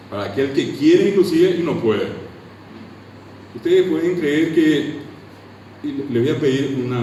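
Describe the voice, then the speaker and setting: In a lecture room, a man from Paraguay teaches a language class in a Paraguayan Spanish accent, asking students questions and having them drill sounds aloud. His tone is warm and medium-pitched, picked up distantly in an echoey space with a bit of hiss or hum.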